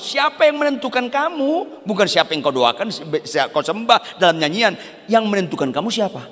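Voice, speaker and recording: A man's voice: high-pitched, a bit bright, long reverb tail. A man preaching a fiery sermon as a pastor, firing rhetorical questions at the congregation.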